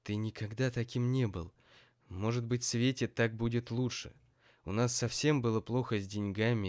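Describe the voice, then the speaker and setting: A man's voice: mid-range voice, darkish tone, smooth, lightly acted. A man voicing an anxious older mother who pleads with and soothes her son in an audiobook.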